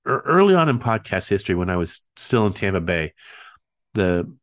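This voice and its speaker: A man's voice: deep voice, big pitch swings, normal speed, no room sound, studio quality. A man hosting a casual podcast, sounding nasal and stuffed up with a head cold. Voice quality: nasal, congested voice. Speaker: podcast host.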